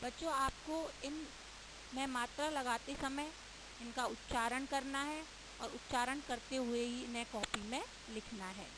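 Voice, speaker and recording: A woman teacher giving a recorded lesson to young children, speaking slowly and stressing each vowel sign with care. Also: sits high, background noise. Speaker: schoolteacher.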